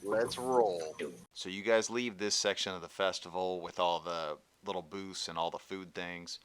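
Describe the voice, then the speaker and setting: A man narrating as game master of a tabletop game, rambling in a relaxed way with fillers. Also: low-pitched, moderate pace, a little hiss or hum.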